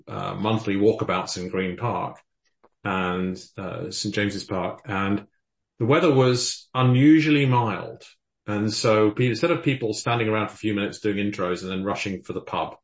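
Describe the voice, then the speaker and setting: A man's voice: on the low side, vocal fry. A man hosting a live podcast, talking in a hesitant way with many ums and restarts. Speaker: podcast host. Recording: roomy echo.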